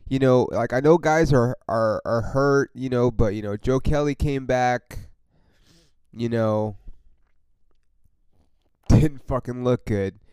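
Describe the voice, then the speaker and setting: A man's voice: medium pitch, slow pace, long pauses, a little mellow, smooth, no room sound, low-quality recording. A man hosting a casual solo sports podcast, rambling and swearing with lots of fillers as a frustrated fan. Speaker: podcast host.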